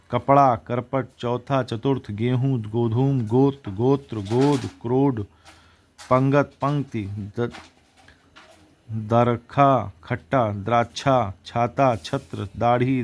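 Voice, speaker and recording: A man's voice: mid-range voice, fairly even intonation, slow pace. A man teaching exam vocabulary, reciting words and their opposites one after another and correcting himself as he goes.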